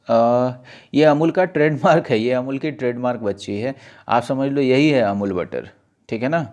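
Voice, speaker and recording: Man teaching slowly with questions. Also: mid-range voice, a little mellow. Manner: explains slowly, reads newspaper lines aloud, asks questions and answers them. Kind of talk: exam-prep lesson.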